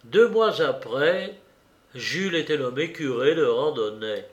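A man narrates a classic novel in a deliberate, expressive voice that sits a little high for a man. His pace is very slow and measured. The recording carries a noticeable roomy echo. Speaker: audiobook narrator. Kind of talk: literary audiobook narration.

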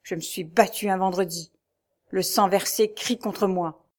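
A woman's voice: mid-range voice, steady tone, a little mellow, lightly acted. Woman reading as a grave, haunted nobleman. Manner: sombre, halting confession. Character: haunted middle-aged nobleman, grave and fearful. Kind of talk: audiobook reading.

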